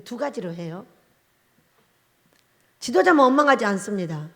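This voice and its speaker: At the pulpit of a church sanctuary, a woman pastor preaches a sermon, pressing her congregation with questions. Her medium-pitched voice is fairly bright, with lively intonation at normal speed. Long church reverb and a faint keyboard color the recording.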